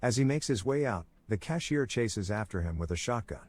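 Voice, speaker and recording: A man giving a scripted narration, with a steady, even storytelling delivery. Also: fairly low pitch, fairly quick. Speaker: movie recap narrator.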